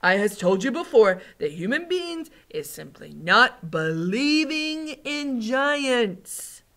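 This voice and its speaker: A woman's voice: fairly high pitch, sing-song, slow pace, a bit bright, pitched above the performer's own voice, full character voice. A woman voicing a big, friendly but stubborn and gloomy male giant from a storybook, talking in mangled folksy grammar with invented words. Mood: doubtful. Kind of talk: storybook character read aloud.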